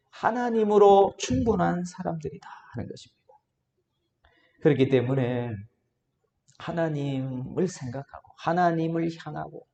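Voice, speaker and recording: A male pastor delivers a Sunday sermon, his pitch swinging widely as he asks rhetorical questions of the congregation. The sanctuary adds a roomy, long-tailed reverb to every phrase. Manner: preaching with lively rises and rhetorical questions. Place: church sanctuary. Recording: roomy church hall reverb.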